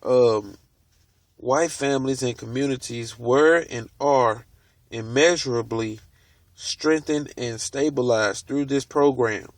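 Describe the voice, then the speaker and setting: A man hosting a video, reading from a book aloud and stopping to comment on it in a deliberate way. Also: mid-range voice, dry recording. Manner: deliberate, stops to comment on what he reads. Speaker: video host.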